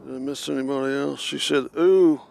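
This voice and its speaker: A man's voice: medium pitch, unhurried, a little hiss or hum. A man hosting a casual live stream outdoors at an airport, chatting and reading out viewer comments. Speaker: livestream host.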